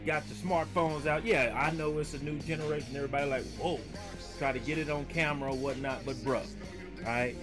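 Lively man reacting to a horror trailer, higher-pitched, slang-heavy, talking about himself in the third person. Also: brisk, music in the background. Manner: slangy and excitable. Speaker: reaction video host. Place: small room at home.

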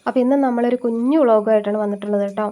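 A quick, chatty woman in her thirties talks through her cooking like a homely vlogger. Her voice sits a little high and mellow, with the stuffy, nasal edge of a cold. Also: steady tone. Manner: chatty, homely, explains each step. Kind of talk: casual chat while cooking.

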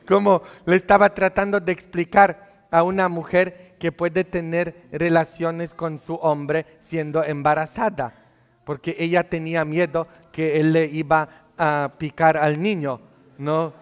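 A man's voice: fairly high pitch, level tone, unhurried, smooth, big-room sound. A male priest giving a sermon, teasing and scolding the congregation with many questions. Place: church.

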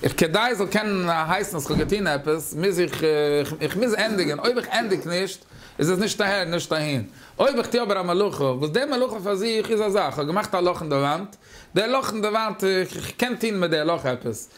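A man with a Yiddish accent teaching a Talmud class, talking haltingly, repeating words and using many fillers. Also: high voice, expressive, a bit bright.

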